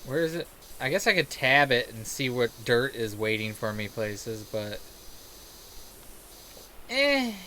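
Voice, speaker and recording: A man with a mid-range, sing-song voice that sounds pushed and bright streams a game at a measured pace with long pauses. His casual chat meanders through crude jokes and swearing, and he acts out what others say. There's clear background noise.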